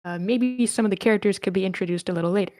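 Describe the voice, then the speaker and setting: A woman with a mid-range, dark-toned voice talks at a racing pace, recorded at studio quality with no echo. She casually moderates an online script read from indoors on a meeting call, calling on people, reading comments aloud, and sometimes murmuring to herself.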